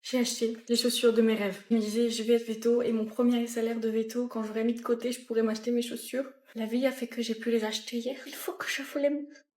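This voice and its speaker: A young woman tells stories to camera in a lively, chatty way. Her voice sits slightly high. The room around her is noticeably echoey. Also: fast, hardly any pauses. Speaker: vlogger. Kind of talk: casual storytelling to camera.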